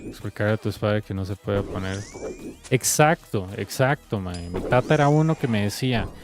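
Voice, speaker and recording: A man's voice: fairly low pitch, lively intonation, moderate pace, music in the background. A young man with a Costa Rican accent, chatting loosely with his viewers while he plays, telling rambling stories and swearing freely. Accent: Costa Rican Spanish. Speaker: game streamer. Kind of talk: casual chat with viewers while playing.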